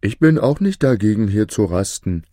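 A brash storybook hunter speaks boldly and briskly, a touch louder than the narrator who voices him. His pitch rises and falls with lively swings. The sound is dry. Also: no room sound. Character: brash adult male hunter.

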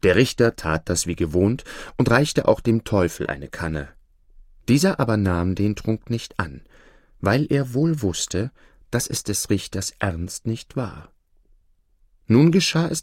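A man tells an old folk tale in a measured, expressive reading. His voice sits a little low and moves widely in melody. The pace is unhurried and the recording is dry and close. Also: no echo. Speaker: narrator.

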